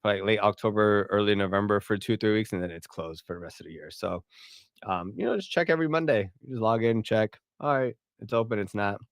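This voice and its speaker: Here he's a bit different: fairly low in pitch, fairly quick, and recorded dry. This man from Puerto Rico, a partnerships director who learned English after his native Spanish, answers livestream questions in a loose, chatty Q&A style with lots of fillers and restarts.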